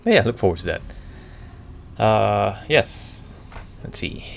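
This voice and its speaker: Animated yet creaky, this deep-voiced VTuber addresses his stream audience casually over soft background music. His answers come haltingly, as he keeps stopping to search for words before moving on.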